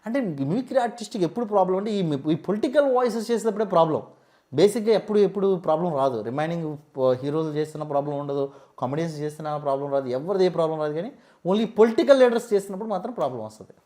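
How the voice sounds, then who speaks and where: A man, a mimicry artist, talking relaxed and explanatory as an interview guest. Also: a little high, rapid-fire. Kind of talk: casual interview chat.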